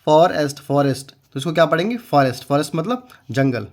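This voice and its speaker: Young guy teaching english word by word, slow spelling, repeats stuff, kinda high voice. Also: lively intonation. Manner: slow, patient spelling out letter by letter; repeats words, checks in with frequent "okay". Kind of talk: Hindi-language English reading lesson.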